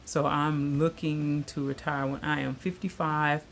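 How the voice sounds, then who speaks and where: A woman's voice: low voice, level tone, a little slow, a little hiss or hum. A woman in her late thirties chatting casually to her viewers, rambling with lots of fillers. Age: 30s. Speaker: vlogger. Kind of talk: casual chat.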